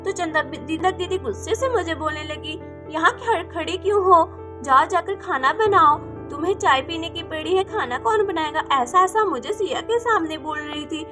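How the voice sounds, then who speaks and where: Meek young village wife, hesitant, very high pitch; woman voices her for a doll video. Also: lively intonation, normal speed, hardly any pauses, music in the background. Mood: hurt. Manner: hesitant, stammering. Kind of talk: doll video role-play.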